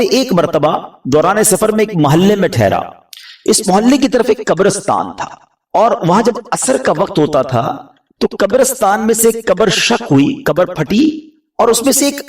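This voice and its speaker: A man preaching a sermon with passion, rising to loud peaks and dropping to low pleading tones. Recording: echoey hall, voice from far off the mic.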